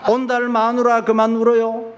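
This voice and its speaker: A pastor voicing palace court ladies who tease a crying little princess in a coaxing tone. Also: male voice, very high voice, completely flat delivery, normal speed, pitched above the performer's own voice. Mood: teasing. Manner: teasing, coaxing. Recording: reverberant church hall.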